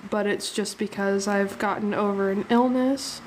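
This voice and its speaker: A young art livestream host, slightly sniffly from a cold, chats casually while drawing, thanking viewers and laughing easily. Her medium-pitched voice is steady and a little mellow at normal speed, captured in a rough recording with slight background noise.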